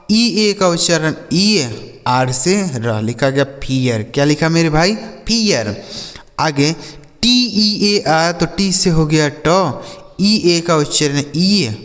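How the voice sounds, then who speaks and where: A male English teacher, teaching a class. He asks questions and answers them himself, and says words slowly, sound by sound. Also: on the high side, long reverb tail. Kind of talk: classroom-style lesson.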